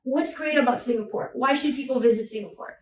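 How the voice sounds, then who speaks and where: A woman's voice: high voice, quick pace. An upbeat woman hosts a podcast, interviewing a guest at a busy conference venue. Her voice sounds distant from the mic and the room is echoey. A faint hum of noise sits underneath. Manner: upbeat, encouraging, asks leading questions. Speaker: podcast host.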